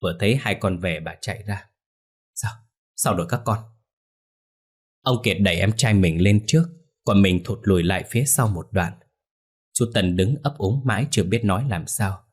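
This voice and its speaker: Husky, low-voiced male storyteller. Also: fairly quick, a little mellow. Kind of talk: ghost story narration.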